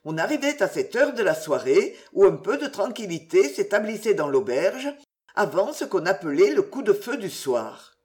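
An audiobook reader narrating a classic novel with expressive delivery. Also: medium pitch, moderate pace. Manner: expressive reading with strongly varied intonation. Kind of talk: literary narration.

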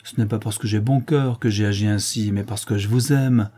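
A man reading an audiobook, voicing a charming, teasing gentleman thief with playful confidence. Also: fairly low pitch, steady tone, moderate pace, breathy edge.

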